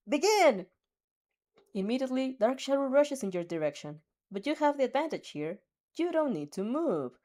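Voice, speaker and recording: A woman of medium pitch and a darkish tone reads fanfiction aloud in the second person. Her reading is full of slips, restarts and giggles.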